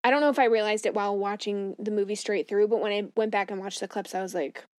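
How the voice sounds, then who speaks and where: A woman's voice: medium pitch, fast, dry recording. A woman co-hosting a casual movie discussion podcast in a chatty, conversational way, recorded up close in a small closet. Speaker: podcast co-host.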